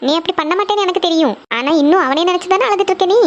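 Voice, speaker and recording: A woman's voice: extremely high pitch, racing, dull audio. A woman voicing a strict middle-aged mother, scolding and lecturing her daughter.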